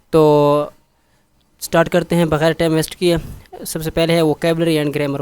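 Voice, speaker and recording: A man's voice: fairly high pitch, darkish tone, clean tone, dry recording. A man explaining a textbook exercise in Urdu with English terms, patiently repeating words and checking that students follow. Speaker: teacher.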